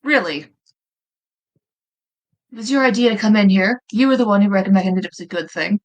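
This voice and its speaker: A woman's voice: medium pitch, brisk, lightly acted. A woman voicing Kat, an exasperated male adventurer who scolds his reckless friend. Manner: scolding, impatient.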